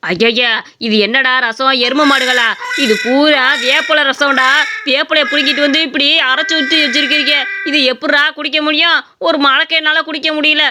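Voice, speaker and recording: A woman voicing a grumbling old village grandfather, gruff and scolding. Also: high voice, steady tone, moderate pace, background noise, close to an everyday voice. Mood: disgusted.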